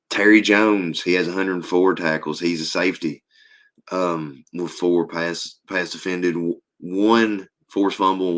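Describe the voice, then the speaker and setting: A man, co-hosting a sports podcast while losing his voice, reading stats haltingly with many fillers. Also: sits low, a bit bright. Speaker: podcast co-host. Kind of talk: casual sports talk.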